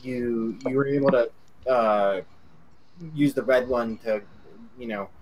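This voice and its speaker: Man, game master, casual rambling narration, fillers, mid-pitched voice, online voice chat. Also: slow pace, low-quality recording.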